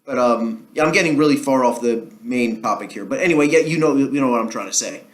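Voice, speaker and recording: A man with a New Jersey accent talks straight to his audience in a casual solo commentary. He argues his case in a rambling, conversational way, circling back with ums and restarts. His voice sits at an ordinary middle pitch. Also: quick pace. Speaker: political commentary vlogger.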